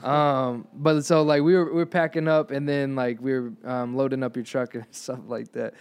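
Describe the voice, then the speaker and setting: A man's voice: mid-range voice, steady tone, moderate pace, a little mellow, smooth. A young man hosting a podcast, telling a story in casual chat, laughing often and joking around. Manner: laughs often, sarcastic joker. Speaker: podcast host.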